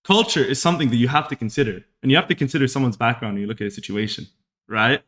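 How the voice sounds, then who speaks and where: A man's voice: mid-range voice, racing, a bit bright. A young man from Saudi Arabia talking earnestly and repetitively to his live chat as a streaming podcast host. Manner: earnest, repetitive, self-reflective. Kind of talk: casual monologue to live chat.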